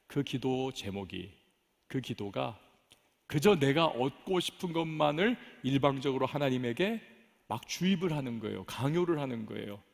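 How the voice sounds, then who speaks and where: Man, pastor, storytelling sermon, raised and hushed swings, gravelly, church hall echo. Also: fairly high pitch. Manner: storytelling preacher, dramatic shifts between raised and hushed delivery. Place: church sanctuary.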